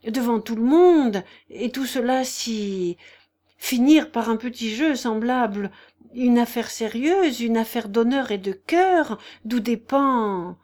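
A rattled older aristocrat in an audiobook, played by a woman reader. He halts, repeats himself and strains upward in pitch, slow and uneasy. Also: lively intonation, darkish tone. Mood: flustered. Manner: stammering, halting. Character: flustered, stammering older nobleman.

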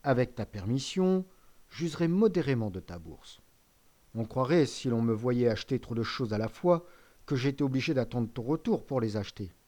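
A man reading an audiobook, voicing a poor, frail old father with a soft, weary voice. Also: medium pitch, animated, normal speed, lightly acted. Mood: gentle, calm. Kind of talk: audiobook character voice.

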